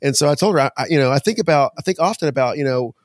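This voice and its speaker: A man chatting casually as a podcast co-host, earnest and reflective. He talks quickly, and the sound is dry and close with no room around it. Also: a little high, no room sound. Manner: earnest, animated when retelling frustration. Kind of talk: casual chat.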